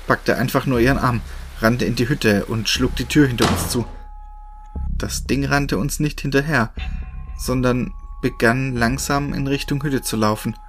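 A man narrating a scripted horror tale in the first person, with an even, mid-pitched voice. His delivery is measured and steady, with faint music underneath.

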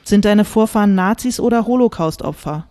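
A woman's voice: mid-range voice, brisk, mellow, natural voice. A woman reading from her novel, voicing a tactless man who asks blunt questions.

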